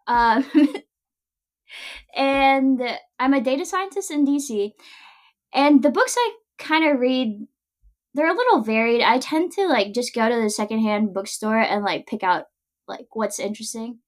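A young woman in her twenties co-hosts a podcast in casual chat. She has a higher voice and fills her talk with "like" and "um," laughing often as she goes. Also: lively intonation, a little slow. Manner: filler-heavy, laughing, casual. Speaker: podcast co-host.

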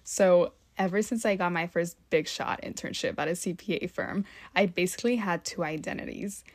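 Recorded dry, a young woman with roots in Mexico and Texas delivers a storytelling monologue on her podcast. She talks at normal speed with a fairly low, slightly mellow voice, keeping things candid and casual with occasional swearing.

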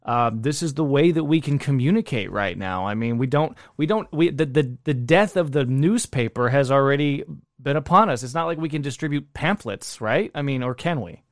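A man hosting a casual talk show, energetic and jokey, with quick asides. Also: medium pitch, no room sound, clean studio sound. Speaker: podcast host.

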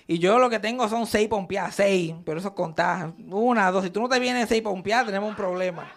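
A man's voice: high voice, fairly quick, vocal fry. A young man performing live stand-up comedy, telling crude stories and acting out the lines he quotes. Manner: crude, animated storytelling with acted-out quotes. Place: comedy stage at a live show.

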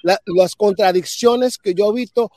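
A man from New York, a guest in a casual discussion, speaking calmly and agreeably. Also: high voice, slight background noise. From New York, United States. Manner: calm, measured, agreeable.

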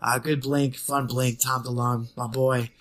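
A man at a middle pitch hosts a podcast in loose casual talk. He rambles, starts over and laughs along with his co-host. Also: flat delivery, unhurried, a bit bright. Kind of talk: casual chat.

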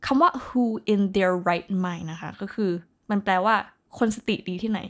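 A woman's voice: mid-range voice, unhurried. A woman hosting a casual vocabulary lesson, chatting along and spelling English words out letter by letter. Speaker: host teaching English vocabulary.

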